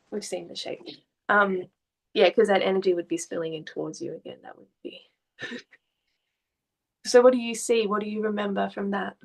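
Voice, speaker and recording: Gentle woman art therapist. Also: mid-range voice, vocal fry, poor audio. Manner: gentle, questioning, explains meanings. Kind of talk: therapy session conversation.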